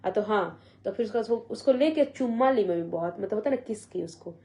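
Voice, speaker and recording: A young woman, retelling a painful family memory in a soft, halting way and quoting the voices of others. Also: a little high, lively intonation. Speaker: vlogger. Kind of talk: emotional personal storytelling.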